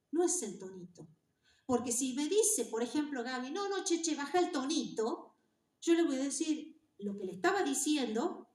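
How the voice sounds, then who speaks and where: A theatre director with an Argentine accent teaching public speaking to a live audience, lively and demonstrative, speaking straight to the room. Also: female voice, high voice. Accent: Argentine Spanish. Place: hall with an audience. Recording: echoey hall, mic at a distance.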